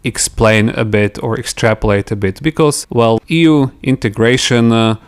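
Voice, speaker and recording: A man from Slovakia, hosting an interview podcast in a halting way, often pausing to search for words. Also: medium pitch, smooth. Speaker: podcast host. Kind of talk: casual interview chat.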